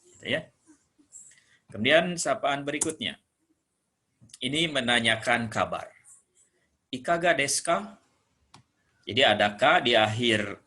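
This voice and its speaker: A man from Indonesia teaching Japanese greetings, patiently explaining and slowly repeating each phrase. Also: lowish voice, sharp tone. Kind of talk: classroom explanation.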